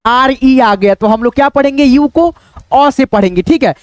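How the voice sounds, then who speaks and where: Man, very high voice, dry close sound, spelling-rule drill, repetitive question-and-answer teaching. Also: moderate pace, no room sound. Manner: addresses viewers as friends, repeats phrases. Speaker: English teacher. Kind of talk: spoken English lesson.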